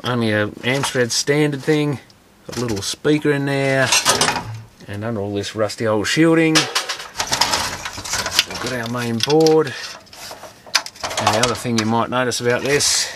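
An electronics repair host casually talks through a computer teardown at his indoor workbench, thinking aloud and hedging his guesses. His voice is fairly low and fairly bright, with slight background noise.

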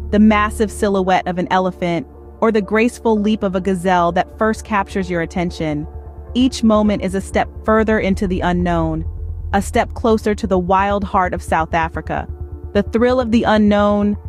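Woman narrating a nature documentary over music. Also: medium pitch.

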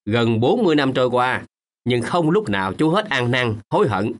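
An actor playing a kindly, remorseful old man in a radio drama, gentle at times and firmly scolding at others. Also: medium pitch, sing-song, normal speed, close to an everyday voice. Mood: stern. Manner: gentle, then firm and scolding.

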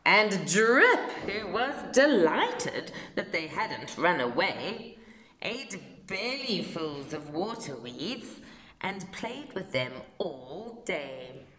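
Woman, children's storyteller, very unhurried, animated pitch, roomy sound. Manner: slow, theatrical delivery for children. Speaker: storyteller reading a picture book aloud. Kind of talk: expressive children's story reading.

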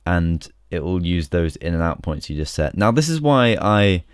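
Deep-voiced man giving a casual tutorial. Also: moderate pace, clear, resonant tone, no echo, clean studio sound. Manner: relaxed, chatty, with frequent ums. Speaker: software tutorial host. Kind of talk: casual screen-recorded tutorial.

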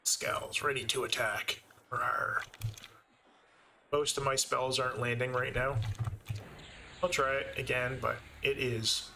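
A man's voice: mid-range voice, steady tone, moderate pace, pushed and bright, slight background noise. A man with a Canadian accent giving easygoing live commentary while he plays a game and thinks aloud. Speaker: game streamer.

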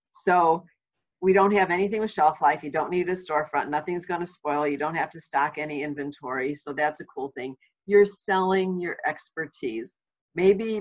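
A woman teaches a webinar on home watch in a chatty, storytelling way, full of lively asides. Her voice comes through dull and lo-fi, like an older recorded session. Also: sits low. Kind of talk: informational webinar talk.

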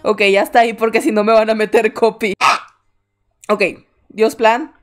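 A woman's voice: on the high side, level tone, moderate pace, faint music behind. A young woman commenting on a horror game, full of jittery, scared exclamations and chatty asides. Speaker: gaming streamer.

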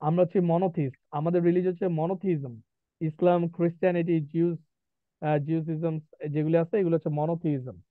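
A man's voice: on the high side, fairly even intonation, dry recording. A man teaching an English vocabulary class, explaining words and quizzing his students. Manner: asks students questions, reads definitions slowly. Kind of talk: live class lecture mixing Bengali and English. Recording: tinny phone-like line.

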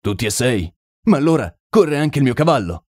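A man's voice: lowish voice, animated, a little fast, a little mellow, no echo, studio quality, lightly acted. A man voicing a stern, proud older colonel who owns a racehorse, cold and clipped in manner. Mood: agitated. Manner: cold and clipped, then agitated.

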